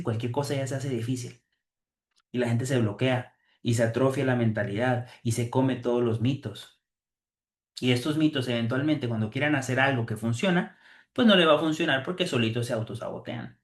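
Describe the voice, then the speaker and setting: Emphatic preachy man in echoey room. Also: medium pitch. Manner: emphatic, preachy, with frequent fillers and restarts. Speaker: host. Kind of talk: motivational talk to viewers.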